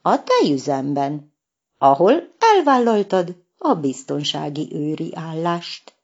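A woman's voice: on the low side, a little mellow, breathy edge, lo-fi sound, heavily acted. A woman voicing a fretful, whiny little male mouse in a storybook. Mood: chiding. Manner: whiny, sighing.

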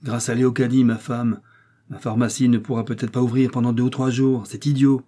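A man's voice: medium pitch, flat delivery, fairly quick, warm tone, lightly acted. A man voicing a stout, fretful middle-aged pharmacist who fumes and blusters as he reads a storybook. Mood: fuming. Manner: blustering and fuming.

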